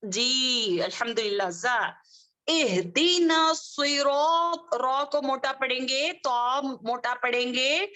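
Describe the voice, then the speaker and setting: Woman tajweed teacher on a video call, high bright voice, very slow drawn-out patient delivery. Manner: slow, drawn-out demonstrations of Arabic words; patient, repeats and checks understanding. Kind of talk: online class teaching Quranic recitation.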